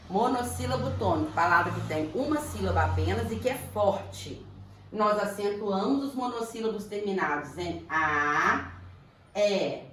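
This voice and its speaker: A Brazilian woman teaches young pupils a grammar lesson. She speaks slowly and deliberately, stretching words out to sound their syllables. Her voice comes from a distance in a very echoey room with faint ambient noise. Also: mid-range voice. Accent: Brazilian Portuguese. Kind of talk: primary school grammar lesson.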